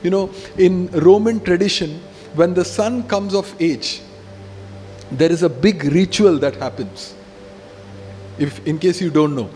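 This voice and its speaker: A man's voice: high voice, measured pace, long pauses, dark tone, long reverb tail, soft background music. A man pastor preaching a sermon, emphatic, often checking in with the congregation. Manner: emphatic preaching, frequent call-outs to the congregation.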